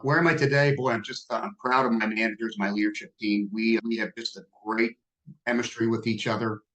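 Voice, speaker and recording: A man in his sixties, a business owner speaking as a podcast guest in a relaxed, self-deprecating conversational way. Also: on the low side, brisk, rough recording. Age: 60s. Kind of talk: podcast interview.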